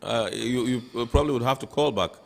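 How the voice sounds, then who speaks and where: A male host, moderating a TV phone-in politely and briskly. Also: medium pitch, vocal fry, big-room sound. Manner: polite, brisk, many backchannels.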